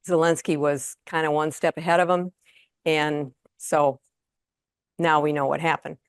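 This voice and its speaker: Speaking as a guest lecturer in a lecture room, a retired older woman addresses the audience informally, stumbling into frequent fillers and restarts. Her low voice moves little in pitch and keeps a measured pace, with a clean tone and studio sound free of room noise.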